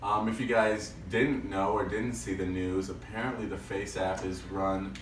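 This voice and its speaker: A man's voice: sits low, fairly even intonation, moderate pace, recorded from a distance. A man co-hosting a podcast who teases and jokes in casual chat. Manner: joking, teasing. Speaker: podcast co-host. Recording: echoey room, off-mic, clear background noise.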